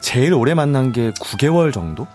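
A man's voice: mid-range voice, very animated, normal speed, over music. A man, a voice actor guest in a radio studio, chatting easily and reading out a listener's letter. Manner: easygoing, reads listener letters. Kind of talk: casual radio chat and story reading. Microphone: studio microphone.

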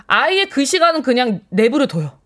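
A woman in her thirties hosting a casual radio chat, playful and lively, acting out quoted lines. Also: high voice, moderate pace. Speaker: radio host. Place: radio studio.

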